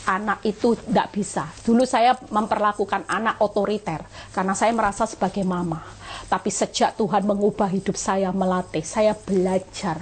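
A middle-aged woman evangelist, preaching a lively sermon on a live stream and acting out quotes. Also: medium pitch, slightly rough.

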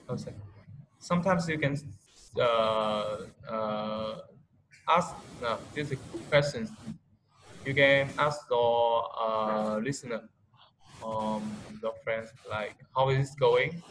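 A man's voice: mid-range voice, slow, fairly bright tone, a little hiss or hum, poor audio. Vietnamese-accented male English tutor on a call. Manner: patient, mixes Vietnamese and English, many fillers. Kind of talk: online English lesson. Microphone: video call.

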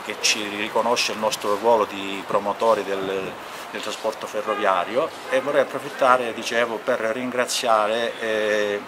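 A man's voice: fairly low pitch, fairly even intonation, measured pace. A man in his sixties giving an unscripted spoken statement outdoors, hesitantly searching for words and repeating himself. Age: 60s. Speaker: promoter of rail trips, spokesman. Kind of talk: unscripted on-camera interview statement. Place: outdoors at a railway station entrance. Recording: faint outdoor station background noise.

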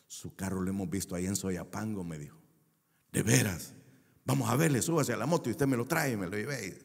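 A man's voice: lowish voice, long reverb tail. A man preaching a sermon as a pastor, stretching key words for emphasis and telling a personal story. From El Salvador.

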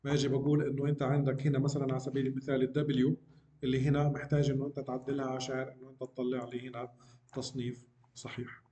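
Speaking very fast at a medium pitch with little pitch movement, a middle-aged man lectures at university on deep learning in a dark tone. He explains step by step, uses English technical terms and keeps asking "okay?", in an echoey room with slight background noise.

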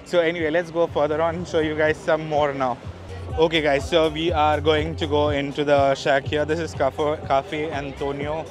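An Indian travel vlogger walks viewers through a busy beach outdoors, chatting casually, calling them "guys" and using lots of fillers. His voice is on the high side, level in tone and at normal speed. Music plays under him, with outdoor noise behind his voice.

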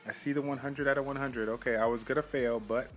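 A young man hosting a mobile game channel, casually commenting on his summons with quick excited outbursts, recorded on a phone mic. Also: medium pitch, faint music behind.

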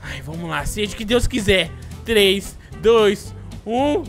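A man's voice: high voice, expressive, slow pace, soft background music. A man playing a runaway kid in a game role-play, frantic and exclamatory.

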